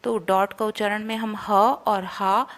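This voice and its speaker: A woman's voice: mid-range voice, steady tone, unhurried, fairly bright tone. A woman teaching verse recitation, patiently spelling out syllables and repeating them. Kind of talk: slow Sanskrit verse recitation lesson.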